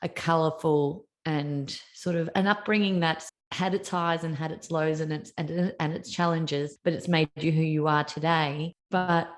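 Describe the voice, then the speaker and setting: A woman with an Australian accent and a hoarse, croaky, husky voice, hosting a podcast with introductions and interview questions. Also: sits low, steady tone, a little slow, hardly any pauses. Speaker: podcast host.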